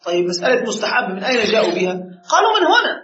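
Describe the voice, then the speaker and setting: A man's voice: high voice, expressive, very fast, a bit bright, slight background noise. A man teaching a jurisprudence lesson as a sheikh, emphatic, with rhetorical questions to his students. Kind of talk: classroom lecture with questions. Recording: echoey room, muffled lo-fi sound.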